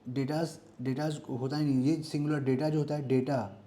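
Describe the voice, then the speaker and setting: A man with an Indian accent and a slightly high, level, dark voice teaches English grammar for exam prep against slight background noise. He reads example sentences slowly and carefully, asks the class questions, answers them himself, and repeats key words.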